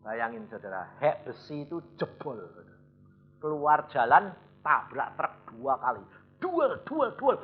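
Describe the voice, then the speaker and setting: A man preaching a sermon, telling a story with animated delivery, acting out the dialogue and chuckling as he goes. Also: mid-range voice, measured pace. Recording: dull lo-fi recording.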